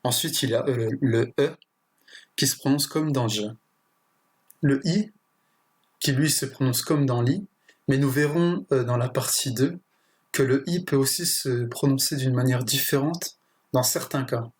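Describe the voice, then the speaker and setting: Male tutor, slightly breathy voice, talks through a lesson with hesitations and restarts. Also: medium pitch, unhurried. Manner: hesitant, with frequent fillers and restarts. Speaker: language teacher. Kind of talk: explanatory lesson.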